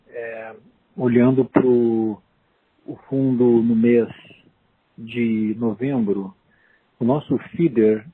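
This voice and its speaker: A man with a Brazilian accent giving an unscripted business presentation as an investment officer, halting and explanatory. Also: medium pitch. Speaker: investment fund chief investment officer. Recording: noisy narrow phone line.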